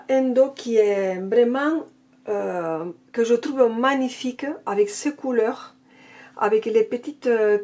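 A woman's voice: a little high, a little mellow. A woman with a non-native French accent chatting casually as she unboxes and reviews an oracle card deck. She gushes and keeps repeating her praise.

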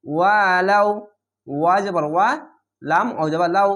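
This male teacher leads recitation in a high voice, going through each word letter by letter and then chanting it slowly and at length. He gives the reading rules briskly and repeats them again and again.

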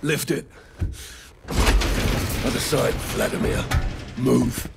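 An actor playing a seasoned special forces captain in a military game, with a British accent and clipped, authoritative orders. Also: male voice, mid-range voice, fairly even intonation, slow pace, gravelly. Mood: focused. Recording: music under game dialogue.

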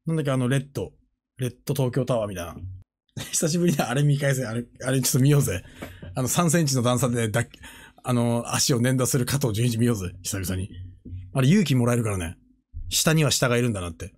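A man chatting casually on a livestream, joking and animated, often breaking into laughter and playful mimicked voices. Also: mid-range voice, quick pace. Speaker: streamer.

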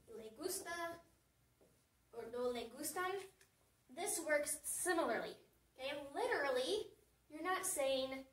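Woman teacher, high bright voice, slow and deliberate, storytelling lesson. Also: far from the mic. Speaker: Spanish teacher. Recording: echoey room, off the mic.

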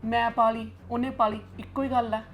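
A woman's voice: fairly high pitch, level tone, a little hiss or hum, close to an everyday voice. A young woman acting as a kind elder daughter-in-law who coaxes and soothes in a family drama. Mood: coaxing. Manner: fast, soothing, coaxing.

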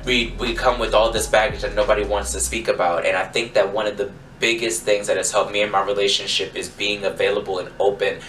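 Twenties man from Maryland, frank and reflective interviewee, bright forceful tone, recorded roomy and off-mic with faint music. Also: lowish voice, a little fast, hardly any pauses. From Maryland, USA. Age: 20s. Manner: frank and reflective, animated when arguing. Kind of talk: candid interview answers. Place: room with yellow backdrop. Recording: echoey room, distant mic, faint music.

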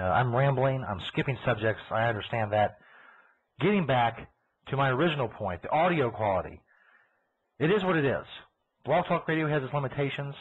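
Medium-pitched and Kentucky-accented, this internet radio host laughs, swears, and rambles casually, often cutting across his own words. The live broadcast comes through a computer mic on a call line, tinny with slight hiss or hum.

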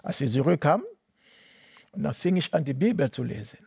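A middle-aged man from Cameroon telling his life story in an interview, speaking halting, non-native German with many restarts and repeated words. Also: on the high side, lively intonation, creaky, darkish tone, slightly rough, dry recording, studio quality. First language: not German. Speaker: interviewee, tennis coach. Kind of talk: personal testimony interview.

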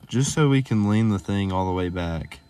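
A man's voice: on the low side, lively intonation, normal speed, warm tone, smooth. A young man, vlogging casually from inside his pickup truck, rambling with lots of fillers. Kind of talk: casual vlog narration.

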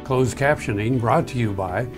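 A man reading a scripted sponsor message in a lively announcer style. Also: mid-range voice, normal speed, music in the background.

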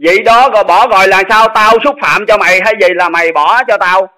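A man confronts the other side of a phone call and keeps pressing for an answer. His voice is bright and forceful, pitched a little high, and he talks fast. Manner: insistent, demanding, confrontational. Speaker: channel host in a dispute. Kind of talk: heated phone argument.

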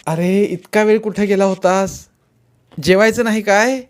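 A woman's voice: fairly low pitch, lively intonation, slow, a little mellow, pitched above the performer's own voice. A man reading a story aloud, voicing a practical village mother who nags and questions her son. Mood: scolding. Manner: nagging, questioning.

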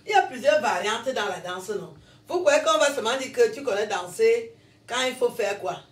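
A woman's voice: a little high, expressive, normal speed, roomy sound, distant mic. A woman with a Cameroonian French accent, ranting to her followers, scolding and repeating herself, laughing between lines. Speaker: social media personality. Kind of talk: self-filmed rant to followers.

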